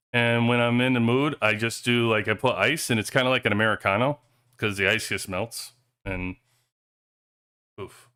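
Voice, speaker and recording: Over a cheap headphone headset, a man with a medium-pitched, sharp voice hosts a livestream, chatting casually and rambling with joking asides.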